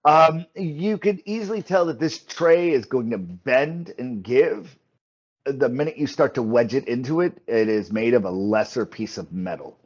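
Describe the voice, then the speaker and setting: A man with a medium-pitched voice runs a tabletop game as game master. He explains scenes and rules haltingly, doubling back on his words. The recording is a little muffled. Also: expressive, a little mellow. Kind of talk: improvised tabletop game narration.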